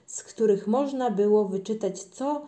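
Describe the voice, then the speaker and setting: A woman's voice: mid-range voice, unhurried, mellow. A woman reading a children's story aloud, lifting her voice for the children's lines.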